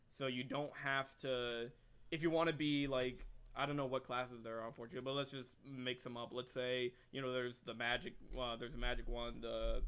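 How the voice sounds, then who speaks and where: A man's voice: medium pitch, sharp tone, clean tone. A man hosting a casual gaming podcast chat, joking and laughing often. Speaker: podcast host.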